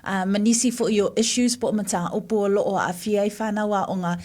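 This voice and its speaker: A woman's voice: medium pitch, steady tone, brisk, darkish tone. A woman hosting a breakfast radio show, interviewing in two languages and affirming her guest with short responses.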